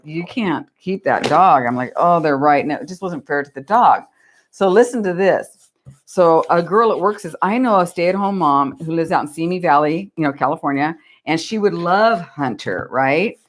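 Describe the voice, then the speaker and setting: A woman's voice: deep voice, animated, moderate pace. A woman telling a rambling, chatty story while she crafts, often laughing at her own tale. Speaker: craft vlogger.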